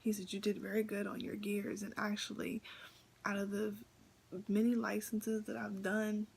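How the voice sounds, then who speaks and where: A young woman vlogger telling a story casually to the camera, chatty and excited, with many fillers and repeats, often half-whispering. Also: mid-range voice, normal speed, gravelly, a little hiss or hum.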